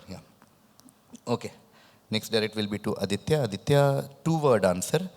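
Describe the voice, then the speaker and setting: Guy hosting a live quiz, lispy whistly s, mid voice, big echo on it. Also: medium pitch. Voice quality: lisp with whistling s. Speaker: quiz host. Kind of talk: live quiz hosting, reading questions and chatting with contestants. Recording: echoey, long room reverb.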